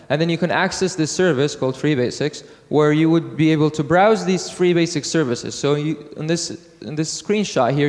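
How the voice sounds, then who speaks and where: A man from Iraq giving a technical conference talk, halting with fillers and restarts. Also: a little high, a little mellow. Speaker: conference speaker. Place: conference hall. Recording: hall with long reverb.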